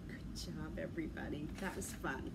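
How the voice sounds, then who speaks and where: Speaking at a moderate pace in a low voice, a middle-aged woman leads young children through rhymes and action songs, offering simple words of encouragement. The story time takes place in a library room with large windows. It was captured on a camera several feet away, with noticeably noisy ambience.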